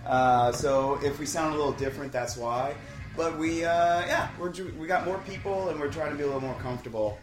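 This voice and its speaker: A man's voice: a little high, brisk, faint music behind. A man hosting a casual podcast chat with a group, recorded in a living room. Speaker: podcast host. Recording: echoey living room, away from mic.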